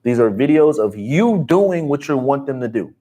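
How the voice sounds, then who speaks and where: A man in his twenties co-hosting a livestream, giving business advice in casual, energetic talk and calling people bro. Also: medium pitch, moderate pace. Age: 20s. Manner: energetic, slangy, calls listeners bro. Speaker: livestream co-host.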